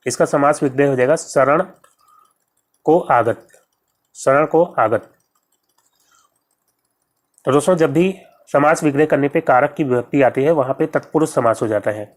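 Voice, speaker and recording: A man's voice: mid-range voice, moderate pace, pauses often. A man teaching an exam-prep grammar lesson, walking through each question step by step and repeating every answer and spelling.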